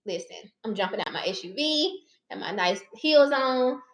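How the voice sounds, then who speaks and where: A woman's voice: a little high, expressive, normal speed. A woman in her thirties, a therapist running a personal finance channel, chatting casually and directly to her viewers, calling them y'all and baby. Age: 30s. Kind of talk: casual chat to camera. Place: her living room or car. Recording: roomy echo.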